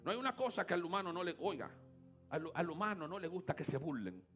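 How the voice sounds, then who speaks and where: A Dominican man preaching a sermon, moving between hushed talk and loud shouted praise. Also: high-pitched, big pitch swings, fast talker, soft background music. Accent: Dominican Spanish. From Dominican Republic. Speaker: pastor.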